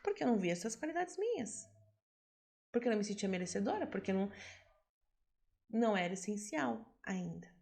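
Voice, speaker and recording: A woman teaching a self-development class. She tells a personal story, turns emphatic and then quiet, and asks the class questions. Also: mid-range voice, a little fast, vocal fry, pauses often. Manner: animated, emphatic, swings between loud and soft; talks straight to the class, asking them questions.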